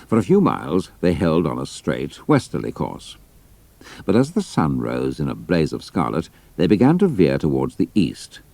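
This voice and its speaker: A man narrating an adventure story in a measured, dramatic storytelling manner. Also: very deep voice, creaky, dark tone, no room sound. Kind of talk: scripted audiobook narration.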